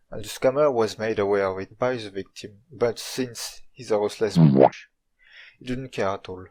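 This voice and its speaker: A man with a French accent narrates a video story in a fairly low voice. His delivery is informal, dry and tongue-in-cheek, as befits a native French speaker telling his tale in English. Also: darkish tone, poor audio. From France.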